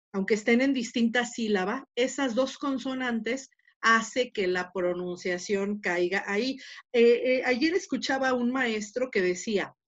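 A woman with a Mexican Spanish accent gives a Latin lesson in a fairly high voice, patient and methodical, often checking in with a quick rhetorical question. The sound is dull and lo-fi, like an online class recording. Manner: patient, explains step by step with many rhetorical questions. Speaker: Latin teacher.

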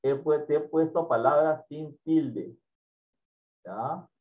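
A male teacher running an online class for children, patient and repetitive, often trailing off into quiet mumbling, with a Peruvian Spanish accent. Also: a little high, takes it slowly. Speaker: primary school teacher. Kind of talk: online class, casual instructions. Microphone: computer mic on video call. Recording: dull lo-fi call audio.

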